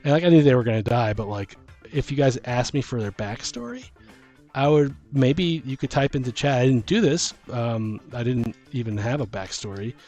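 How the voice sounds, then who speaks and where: With faint music playing behind him, an animated man of average pitch and a slightly mellow tone talks tabletop gaming as podcast co-host and game master. His casual talk wanders, stopping and restarting mid-thought as he works ideas out aloud.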